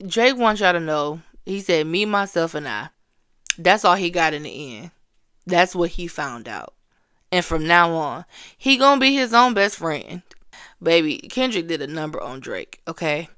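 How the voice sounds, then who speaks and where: Sassy bright-voiced woman gossip vlogger. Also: very animated, moderate pace, smooth, no echo, studio quality. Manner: sassy, blunt, scolding, talks straight to viewers; swings from low drawl to loud exclamations. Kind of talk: casual gossip commentary.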